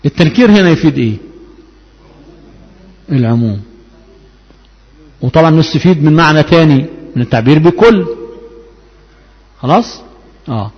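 A man's voice: fairly high pitch, expressive, moderate pace, long pauses, husky, highs cut off. Egyptian man teaching in a reverberant hall. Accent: Egyptian Arabic. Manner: asks the class questions and answers them himself, draws out key words. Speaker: religious teacher. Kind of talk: Quran tafsir lesson.

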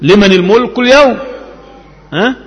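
A man's voice: sits high, moderate pace, slightly rough, in a large hall, rough recording. A man with an Egyptian Arabic accent teaching a Quran tafsir lesson. He asks the class questions, answers them himself and draws out key words. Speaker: religious teacher.

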